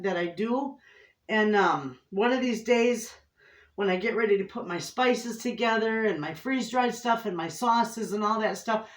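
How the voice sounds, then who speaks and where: Folksy Michigan woman in an echoey room. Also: mid-range voice. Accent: Inland Northern American (Michigan). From Michigan, United States. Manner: folksy, effusive, repeats herself. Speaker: homestead cooking vlogger. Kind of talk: casual chat to camera. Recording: roomy echo, distant microphone.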